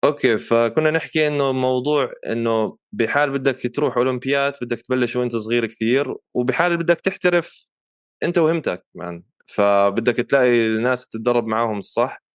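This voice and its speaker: A man with a Levantine Arabic accent talks quickly in a smooth, resonant voice, recorded close and dry. He explains his points conversationally as a podcast co-host, mixing in English terms. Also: medium pitch, dry recording. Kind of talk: casual chat, explaining.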